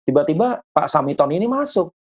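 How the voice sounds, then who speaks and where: A man, a guest musician, telling a long anecdote in relaxed, slangy conversation. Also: fairly high pitch, fairly quick, husky. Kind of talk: casual interview storytelling. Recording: dull lo-fi audio.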